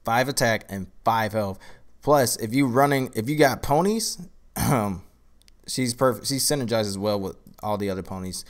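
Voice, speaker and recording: A man's voice: mid-range voice, moderate pace. A tired, groggy man on a casual live stream, showing off his card game and thinking aloud as he rambles through each card. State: groggy, tired from a long day.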